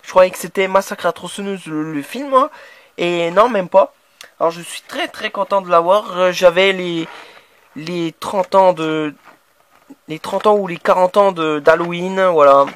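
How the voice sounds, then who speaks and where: A man's voice: high-pitched, measured pace, fairly bright tone. A man with a French accent chatting casually about horror DVDs he bought, stumbling over words and sounding enthusiastic. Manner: hesitant, many restarts and fillers, enthusiastic. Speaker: horror DVD collector showing his purchases. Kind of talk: casual unboxing chat.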